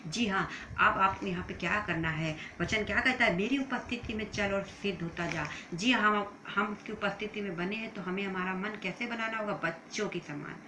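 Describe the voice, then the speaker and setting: A woman's voice: mid-range voice, moderate pace, few pauses, noisy background. A woman from India preaching a sermon with emotional, emphatic bursts.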